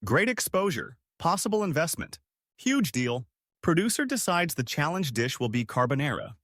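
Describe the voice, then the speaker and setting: Lively male story narrator, dry sound. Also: moderate pace, no echo. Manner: lively storytelling with big pitch swings.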